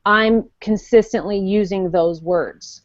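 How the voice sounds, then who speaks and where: A woman guest who works with parents and couples explains her approach thoughtfully. Her voice is mid-pitched. The sound is dry and dull, as on a lo-fi video call. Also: slow pace, dry recording. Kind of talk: casual chat. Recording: dull lo-fi web stream audio.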